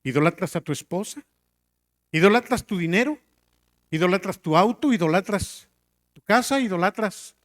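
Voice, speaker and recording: A middle-aged man preaching a sermon to a congregation, asking rhetorical questions and swinging between loud emphatic lines and quiet drops. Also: sits high, lively intonation, moderate pace, long pauses.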